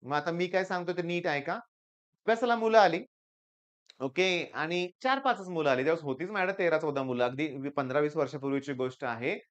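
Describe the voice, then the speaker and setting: A man's voice: on the high side, fairly quick, muffled recording. A middle-aged man, a tutor, giving an emphatic exam-preparation talk to students and telling stories from his classes. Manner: emphatic and urging, tells anecdotes to students. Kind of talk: exam-prep teaching talk.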